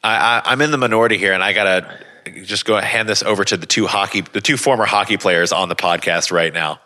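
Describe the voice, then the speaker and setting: A man with a very deep voice and a sharp, intensely bright edge co-hosts a podcast. He jokes with the guest and talks quickly. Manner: joking, quick. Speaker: podcast co-host. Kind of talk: podcast banter.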